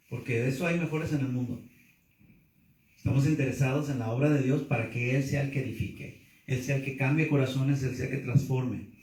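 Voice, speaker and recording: A man's voice: mid-range voice, darkish tone. A male pastor teaching a sermon in an earnest way, repeating his points and often checking in with his listeners. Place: church hall. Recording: echoey hall, mic far off.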